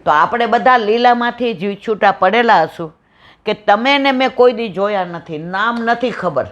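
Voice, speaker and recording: A woman's voice: medium pitch, normal speed. Saurashtra-accented woman telling devotional stories. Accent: Saurashtra Gujarati. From Saurashtra, Gujarat. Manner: animated storyteller, acts out dialogue, affectionate devotional tone. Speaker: satsang speaker. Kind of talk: devotional storytelling talk. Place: home room with visiting devotees. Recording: dull lo-fi recording.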